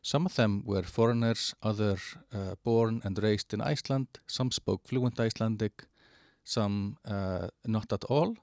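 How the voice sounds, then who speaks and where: Low, dry-sounding man presenting a platform. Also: gravelly, darkish tone, no room sound. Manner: halting, many fillers and restarts. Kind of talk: screen-share product walkthrough.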